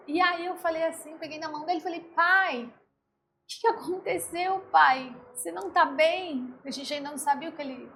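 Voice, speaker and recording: A woman with a Brazilian Portuguese accent, speaking as an interview guest and giving a tender, reflective personal testimony with halting pauses. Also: sits high, fairly bright tone, slight background noise.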